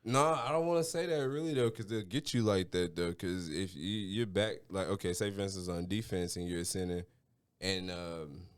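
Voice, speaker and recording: Argumentative low-voiced young man. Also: moderate pace, clear, resonant tone. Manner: animated, argumentative, lots of "like" and "though". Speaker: podcast co-host. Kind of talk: casual sports chat.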